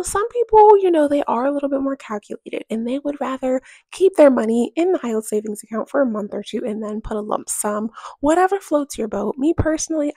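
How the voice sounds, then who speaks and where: A young woman who vlogs about her home narrates while cleaning, chatting casually about the house and money. She is candid and emphatic, tossing out plenty of rhetorical questions. Her voice is a little high, creaky, slightly mellow, and a bit rough, with no echo.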